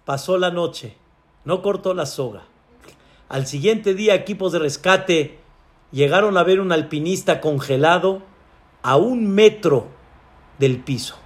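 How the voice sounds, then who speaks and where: High-voiced, slow-speaking preacher. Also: male voice. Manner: dramatic storyteller, acts out voices. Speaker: rabbi. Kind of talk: sermon with dramatized story.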